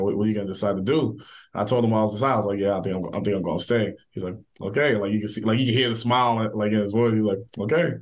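A young man, a college football player, answering interview questions in a relaxed, casual way full of fillers. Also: on the low side. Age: young adult. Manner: relaxed, filler-heavy, quick talk.

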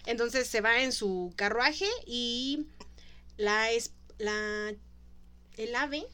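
A woman with a Mexican accent casually retelling a story to a co-host, animated and laughing often. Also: on the high side, very slow, smooth. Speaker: podcast co-host.

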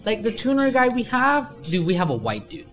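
A man in casual chat, rambling and animated, his voice jumping up when he gets excited. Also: sits high, a little fast, faint music behind.

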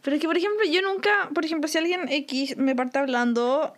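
Woman, young, Chilean accent, podcast co-host, animated, slangy, curses freely, slightly high pitch. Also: a little fast. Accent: Chilean Spanish. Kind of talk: casual podcast chat.

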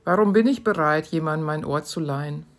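A woman hosting her podcast, reading short questions aloud from her own book in a calm, measured way. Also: low-pitched. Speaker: podcast host.

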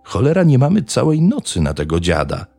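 A man's voice: medium pitch, huge pitch swings, fairly quick, warm tone, dry recording, faint music behind, voice pushed up, heavily acted. A man voicing a coarse village man who curses and barks orders at others. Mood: harsh. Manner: gruff, cursing, giving orders.

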